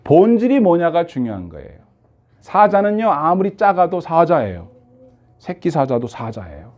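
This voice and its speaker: A man's voice: fairly high pitch, sing-song, normal speed. A male pastor preaching a sermon, telling stories with rhetorical questions and frequent fillers, on a dull lo-fi recording.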